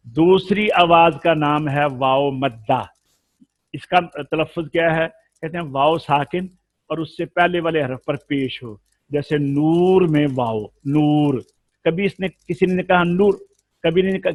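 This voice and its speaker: Male recitation teacher, patient explainer who stretches vowel sounds, a bit high-pitched, dry recording. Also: dry recording, narrow, tinny audio. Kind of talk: explanatory lesson.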